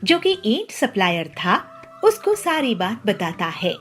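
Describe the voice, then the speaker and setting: A woman narrating children's cartoon stories in a lively, expressive way. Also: mid-range voice, a little slow, soft background music. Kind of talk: scripted storybook narration.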